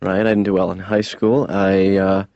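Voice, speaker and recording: An actor voicing a reluctant grown slacker son in an animated sitcom, halting and stammering in a flat deadpan. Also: male voice, deep voice, gravelly, no echo, muffled recording. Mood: grumbling. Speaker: adult son.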